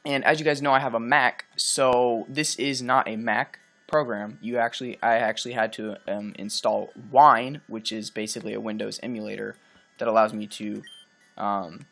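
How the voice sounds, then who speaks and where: A man's voice: medium pitch, steady tone, normal speed, gravelly, a bit bright. A man hosting a video game let's play, talking casually and rambling through his explanations with lots of fillers. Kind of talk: game commentary. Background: faint game music.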